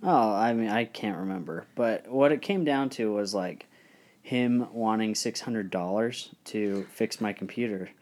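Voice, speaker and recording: A man's voice: lowish voice, unhurried, darkish tone. A young man hosting a casual chat, telling a story about himself with a laughing, self-deprecating manner. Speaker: podcast co-host.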